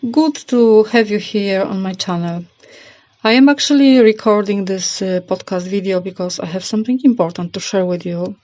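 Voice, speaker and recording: In a roomy, slightly dull home recording, a channel host speaks in a mid-range, somewhat mellow voice at a moderate pace. She is a middle-aged woman from Poland with a Polish accent, rambling hesitantly through a casual opinion piece and often repeating herself.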